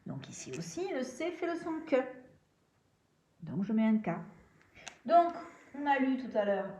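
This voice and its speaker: A woman's voice: on the high side, sing-song, measured pace, a little mellow, slight background noise. A young woman teaching a reading and handwriting lesson, patiently walking through sounds step by step. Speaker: primary school teacher.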